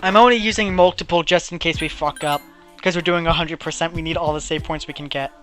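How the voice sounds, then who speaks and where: A man's voice: a little high, fairly even intonation, quick pace, fairly bright tone. A man hosting a let's play from his own room, chatting loosely and rambling through tangents. He swears casually, with faint game music underneath. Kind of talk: casual gameplay chat. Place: own bedroom.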